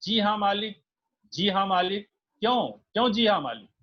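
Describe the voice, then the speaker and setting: A man voicing an angry male householder who shouts and stammers with rage. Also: sits high, brisk. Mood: furious. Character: angry male householder, stern then remorseful. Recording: dull lo-fi recording.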